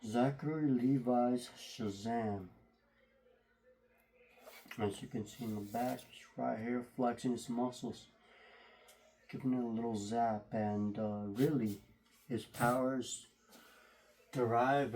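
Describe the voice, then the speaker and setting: A man hosting a casual, unscripted unboxing video, speaking haltingly with his voice slightly muffled through a face mask. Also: mid-range voice, steady tone, darkish tone. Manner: halting, hesitant delivery. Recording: faint background noise, clicks.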